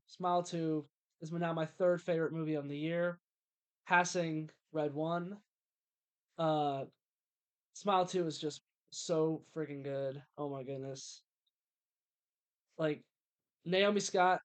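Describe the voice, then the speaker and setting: A man's voice: on the high side, steady tone, slow pace, pauses often, clean tone. A young man co-hosting a podcast, chatting about movies eagerly and tripping over his words. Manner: enthusiastic, stumbling restarts. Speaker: podcast co-host. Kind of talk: casual movie review chat.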